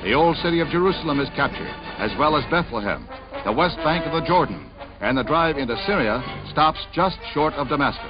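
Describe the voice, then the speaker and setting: A man narrates an old newsreel in a brisk, dramatic announcer's delivery. His voice sits a little high for a man and comes through muffled and lo-fi. Loud music plays underneath him the whole time. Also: expressive. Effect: old newsreel recording. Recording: dull lo-fi newsreel sound with music behind.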